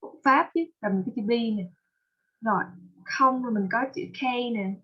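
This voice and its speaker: A woman teaching English pronunciation with a Vietnamese accent, patiently drilling words and repeating them slowly. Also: fairly high pitch, breathy edge, highs cut off. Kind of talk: online pronunciation lesson.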